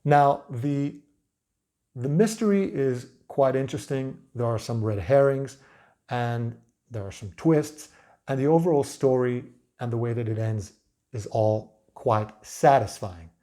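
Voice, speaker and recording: A man talking through a book review without a script, in a measured, hesitant way with pauses mid-phrase. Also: medium pitch, mellow. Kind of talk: unscripted book review talk.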